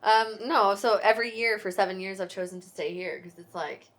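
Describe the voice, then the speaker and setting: A woman's voice: mid-range voice, brisk, a bit bright. A woman from Canada co-hosting a casual chat, self-mocking and jokey. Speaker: podcast co-host.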